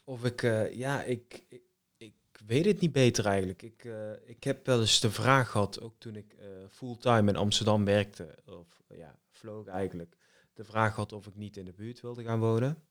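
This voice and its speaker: A man with a slightly low voice and a Brabant Dutch accent. He talks in a casual, conversational way as co-host of a podcast. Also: moderate pace. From Brabant, southern Netherlands. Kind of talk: casual chat.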